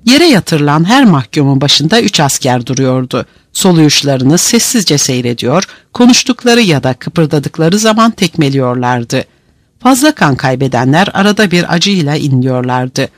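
A male narrator reads a novel aloud with vivid drama. His fairly high voice rises and falls widely, captured close and dry with no room sound. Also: moderate pace, dry recording. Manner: vivid, expressive reading.

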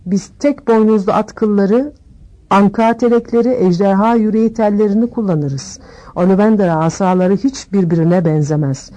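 A woman voicing an eccentric old male wandmaker who talks briskly and insistently, sinking to murmurs. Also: medium pitch, mellow, lightly acted. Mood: eager.

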